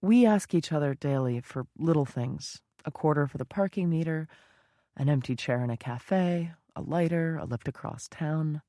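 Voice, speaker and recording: A man's voice: fairly high pitch, moderate pace, warm tone, dry recording. A man narrating a first-person audiobook in an intimate, confessional manner, close to the mic.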